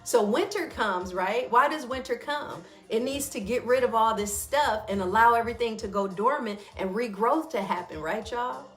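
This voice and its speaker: A woman hosting a morning wellness talk, chatty and expressive, calling her listeners y'all and leading a guided breathing exercise. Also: fairly high pitch, moderate pace, few pauses, roomy sound, soft background music. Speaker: host of a morning wellness show.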